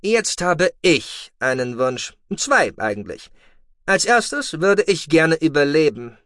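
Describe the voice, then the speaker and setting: A man voicing a calm, dry-witted male alien ship commander in an audiobook, commanding and sardonic. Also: a little high, slow, dry recording, voice pushed up, exaggerated voice. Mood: weary.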